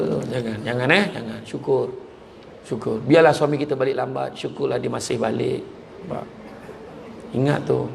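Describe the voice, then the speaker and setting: Gravelly-voiced guy doing a funny motivational talk, lots of echo, a little background hiss. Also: mid-range voice. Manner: joking, animated, acts out characters. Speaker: motivational speaker. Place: large hall with audience.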